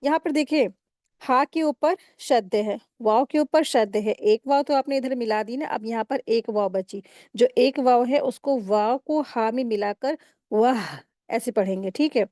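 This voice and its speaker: A woman teaching Quran recitation rules step by step in a patient, explaining manner, pausing to recite words slowly. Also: on the high side, darkish tone, no echo, clean studio sound. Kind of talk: step-by-step tajweed lesson.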